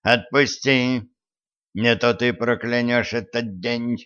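A man voicing a captive male gnome prince who talks in a hoarse, wheezing voice with slow threats. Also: medium pitch, fairly even intonation, a bit bright, lo-fi sound. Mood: hoarse, menacing.

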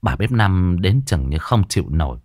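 Man, ghost story narrator, lively expressive pitch, middle voice, dry close recording. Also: normal speed, no echo.

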